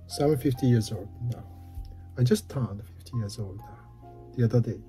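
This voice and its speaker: A Japanese man in his fifties, an office worker speaking English in a personal vlog, talking slowly and hesitantly about his worries, recorded on a webcam in a small room. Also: medium pitch, mellow, soft background music. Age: 50s.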